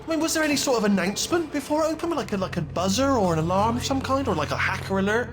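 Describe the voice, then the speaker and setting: A man voicing a nervous, chatty male robot sidekick who rambles, stammers and gets excitable. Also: extremely high pitch, rapid-fire. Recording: echoey game audio with loud music.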